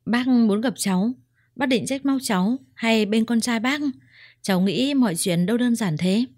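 A woman's voice: on the high side, normal speed, a little mellow, dry recording, pitched above the performer's own voice, close to an everyday voice. A woman voicing a smug young mistress who speaks in a mocking, insinuating way.

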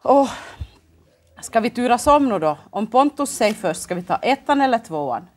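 A bright, fairly high woman's voice with a Finland Swedish accent, swooping up and down as she hosts a children's TV show. She coaxes the kids along with cheerful, sing-song questions. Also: big pitch swings. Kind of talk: lively children's TV hosting. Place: local TV studio.

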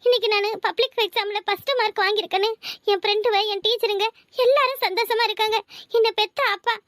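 A woman's voice: extremely high pitch, steady tone, fast, a bit bright. A woman voicing an earnest teenage schoolgirl in a cartoon, with a southern Tamil Nadu accent, speaking in a pleading manner. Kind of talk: cartoon voice acting.

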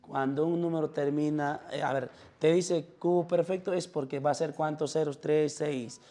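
A man's voice: on the high side, steady tone, normal speed, dark tone. A man with a Peruvian accent teaching math to a classroom, constantly quizzing his students and calling them "joven". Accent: Peruvian Spanish.

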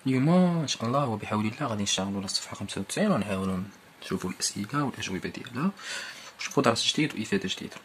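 A man with a Moroccan accent teaching a primary school Arabic lesson, explaining and repeating each word form slowly. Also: on the low side, animated, slight background noise.

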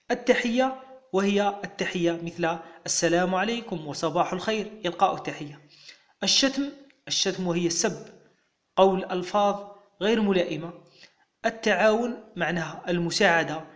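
A man with a Moroccan Arabic accent, a teacher patiently walking young pupils through exam answers step by step. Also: sits high.

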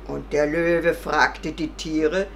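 A woman telling a fairy tale to young children in a dramatic, expressive way, talking directly to them. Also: sits low, takes it slowly, vocal fry, a little hiss or hum. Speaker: children's storyteller. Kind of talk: kamishibai storytelling for young children.

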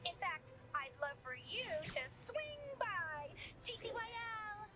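High, bubbly, taunting livestreamer villainess. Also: female voice, big pitch swings, slow, heavy background noise, heavily acted. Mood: gleeful taunting. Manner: bubbly, mocking, chat-slang showmanship. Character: gleeful, taunting young female livestreamer supervillain. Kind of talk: video game villain banter.

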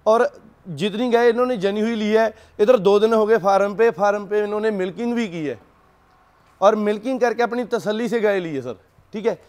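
Speaking at a normal pace with a slightly mellow quality, this man has a notably high voice. He's a cattle seller at a dairy farm giving a relaxed pitch for his animals, repeatedly calling the listener "sir."

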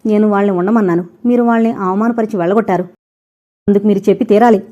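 A woman voicing a defiant young daughter-in-law who shouts rapidly and relentlessly, in a dull lo-fi recording. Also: a little high, lightly acted. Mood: furious.

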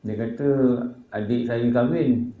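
A man's voice: mid-range voice, measured pace, phone-quality sound. A man with a Malaysian Malay accent giving a casual religious lecture, telling humorous anecdotes and acting out the voices of people in them. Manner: humorous storytelling, acts out voices of people in his stories. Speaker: religious teacher. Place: prayer hall. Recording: echoey prayer hall.

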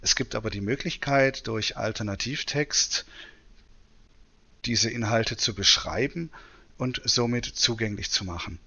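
A man presenting a software demonstration in tutorial narration. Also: on the low side, measured pace, vocal fry, breathy edge. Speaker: presenter demonstrating screen reader.

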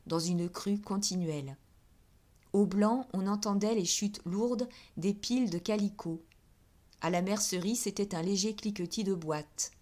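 A woman reading a classic novel aloud as an audiobook in a measured, steady way. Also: medium pitch. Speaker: audiobook reader.

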